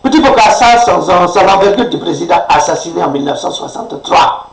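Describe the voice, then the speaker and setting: A male commentator with a high, expressive voice delivers a slightly fast, indignant and sarcastic political rant, often tagging sentences with a questioning "hein". He is recorded far from the microphone in an echoey room.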